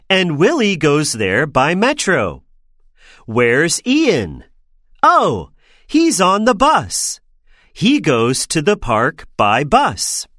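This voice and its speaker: A woman narrating a textbook listening passage in a clear, measured and expressive way. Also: deep voice, no echo, clean studio sound. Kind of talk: slow scripted narration.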